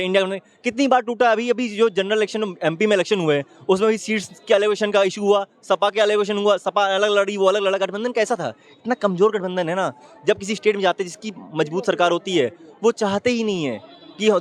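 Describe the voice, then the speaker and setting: A man giving his opinion in a street interview, talking in an emphatic, argumentative way and often urging the listener to look. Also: sits high.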